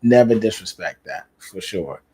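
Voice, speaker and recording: Slangy animated man chatting. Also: on the low side, measured pace, slightly rough. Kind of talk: casual chat.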